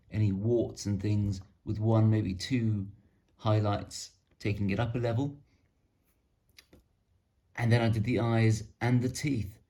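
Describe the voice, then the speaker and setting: A man with a low voice talks through his painted miniatures in a loose, digressive way, often poking fun at himself. His voice has a rough, gravelly edge. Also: warm tone. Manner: rambling, digressive, self-deprecating. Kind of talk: casual hobby show-and-tell.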